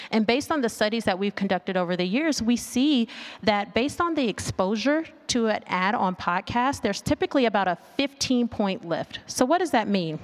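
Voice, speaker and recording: A marketing research executive gives an informal conference talk in a medium-pitched voice, chatting with the audience, posing rhetorical questions and often tacking on "right?" to check in. She's in a large indoor conference hall, and the venue's sound system leaves a long hall reverb.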